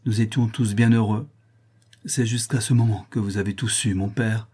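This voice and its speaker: A man's voice: on the low side, steady tone, normal speed, warm tone, husky. A man voicing a frightened young woman who anxiously confides a painful secret in a storybook reading. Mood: fearful.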